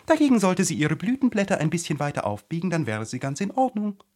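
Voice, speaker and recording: A man's voice: fairly high pitch, fast talker, pitched above the performer's own voice. A man putting on a haughty, fiery tiger lily. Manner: sharp, imperious and easily excited.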